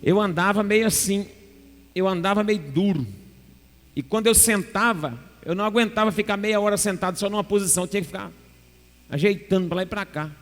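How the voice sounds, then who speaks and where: A man preaching a sermon as pastor, telling a personal testimony in an animated way and acting out the dialogue. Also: sits high, brisk. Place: large church sanctuary. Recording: music under a long church reverb.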